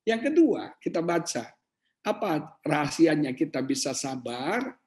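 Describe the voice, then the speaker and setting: Pastor guy preaching, kinda high voice, chatty and animated, acts out little back-and-forths. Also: unhurried. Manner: animated preaching with conversational asides and acted inner dialogue. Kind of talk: sermon.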